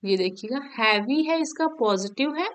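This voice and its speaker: A woman teaching an exam-prep grammar lesson. Her voice sits fairly high, and she checks in after every point. She drills each word form slowly and patiently, one at a time. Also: lively intonation, a bit bright, clear, resonant tone.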